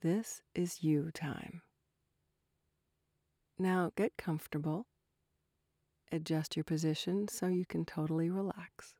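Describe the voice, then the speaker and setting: A woman softly narrating a guided relaxation like a sleep story, with gentle, breathy, unhurried instructions that drift toward a whisper. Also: deep voice, dry recording, clean studio sound.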